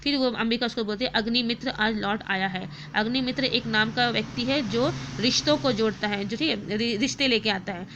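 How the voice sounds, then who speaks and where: A woman teacher explaining a play to her students, retelling the scenes and often pausing on fillers. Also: on the high side, muffled recording, background noise.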